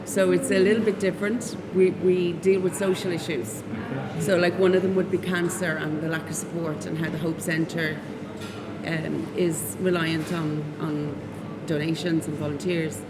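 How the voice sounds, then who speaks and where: A woman's voice: deep voice, little pitch movement, moderate pace, a loud crowd, rough recording. A woman with an Irish accent, explaining her group's work in a casual interview. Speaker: knitting group activist.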